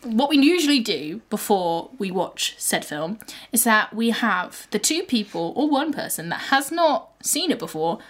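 A woman's voice: a little high, sing-song, moderate pace, a bit bright. A woman hosting a podcast in casual chat, giggly and chatty as she explains the show's format. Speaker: podcast host. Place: a friend's house.

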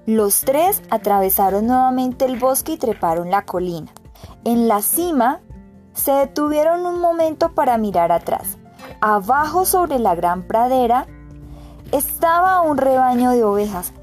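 A woman narrating a storybook with even, clear delivery, faint music behind her. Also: high-pitched, unhurried. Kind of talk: storybook reading.

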